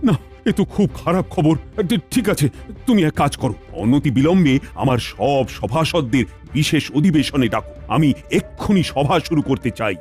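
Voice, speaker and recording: A man voicing a fretful, easily swayed middle-aged king in a cartoon, excitable and stammering when alarmed. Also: fairly high pitch, normal speed, soft background music, close to an everyday voice. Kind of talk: cartoon voice acting.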